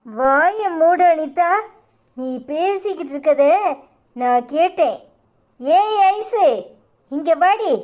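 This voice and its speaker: A woman's voice: extremely high pitch, animated, takes it slowly, long pauses, warm tone, heavily acted. A woman voicing an angry middle-aged mother-in-law in a cartoon, scolding and accusing with a Tirunelveli Tamil accent. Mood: furious.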